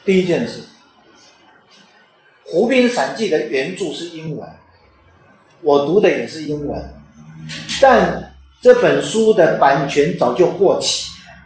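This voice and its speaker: A male author and teacher talks through an informal lecture, his voice pitched fairly high for a man. He keeps it conversational and checks in with his listeners. The room rings with a strong echo. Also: animated, measured pace, long pauses, a little mellow, slight background noise. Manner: conversational, often checks in with rhetorical "OK?". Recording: very echoey room.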